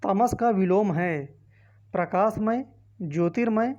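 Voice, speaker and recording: A woman's voice: mid-range voice, takes it slowly, warm tone, muffled recording. A woman teacher reading multiple-choice options aloud one by one and explaining each answer, with a north Indian Hindi accent. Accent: Hindi-speaking north Indian. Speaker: exam-prep teacher. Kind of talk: quiz walkthrough lesson.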